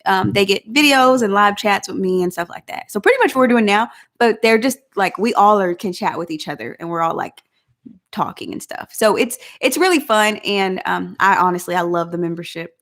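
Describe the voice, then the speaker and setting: A woman's voice: mid-range voice, expressive, brisk, fairly bright tone. Chatty woman with a country drawl. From Southeast Oklahoma. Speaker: vlog host. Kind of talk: casual live chat.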